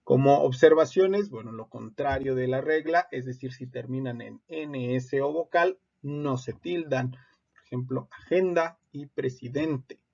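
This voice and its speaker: A man's voice: mid-range voice, measured pace, gravelly, a little mellow. A man giving a recorded lesson on legal writing, explaining steadily with frequent "eh" fillers. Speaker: instructor. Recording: dull lo-fi recording.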